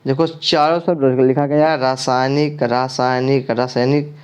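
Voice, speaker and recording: A man's voice: mid-range voice, level tone, unhurried, darkish tone, clear, resonant tone, dull audio. A male teacher working through exam questions one by one, asking the class about each answer and then giving it. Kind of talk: exam prep lesson going through quiz questions.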